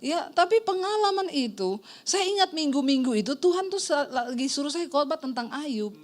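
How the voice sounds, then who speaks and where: A middle-aged woman pastor preaching a sermon, telling a personal story with humor and animated quotes, congregation responding. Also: high voice, normal speed. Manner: storytelling with humor, quoting others in lively voices. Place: church service with congregation.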